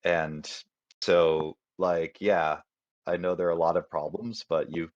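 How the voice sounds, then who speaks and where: A man's voice: deep voice, fairly even intonation, unhurried, no room sound, muffled recording. A man playing in an online board game tournament, thinking aloud in a hesitant, apologetic way with lots of fillers. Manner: apologetic, self-deprecating, hesitant with many fillers.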